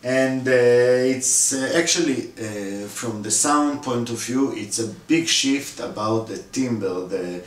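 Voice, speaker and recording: A man explaining a vocal score step by step, pausing often with fillers and acting out the sounds himself. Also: medium pitch. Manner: demonstrates sounds with his own voice, many fillers. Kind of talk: instructional walkthrough. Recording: echoey room, voice from far off.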